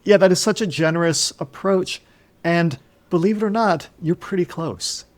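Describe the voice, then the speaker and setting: A man's voice: sits high, moderate pace. A man co-hosting a casual podcast, reading out case details and asking teasing questions. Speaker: podcast co-host. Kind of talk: casual chat, case recap.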